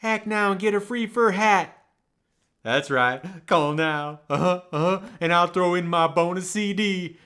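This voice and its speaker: A man puts on a swaggering [name]-style pitchman selling his service in a mock radio commercial. He drawls slowly, slipping "uh-huh, uh-huh" between lines, in a bright, slightly raised voice. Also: smooth.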